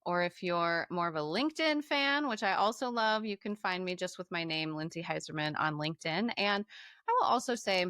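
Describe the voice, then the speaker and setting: A woman's voice: on the low side, expressive, moderate pace, a bit bright, no echo, studio quality. A woman in her forties, a life coach, talking on a podcast in an enthusiastic, affirming way. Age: 40s. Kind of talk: casual conversation.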